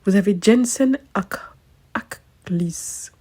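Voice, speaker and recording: A woman's voice: fairly low pitch, steady tone, measured pace, dark tone, husky. A woman, an astrologer chatting casually and self-mockingly, thinking aloud with many fillers. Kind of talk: casual chat to camera.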